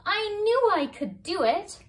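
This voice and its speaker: A woman's voice: very high-pitched, sing-song, slow pace, recorded from a distance, voice pushed up, heavily acted. A woman voicing a plucky little girl moth from a storybook, eager and exclaiming.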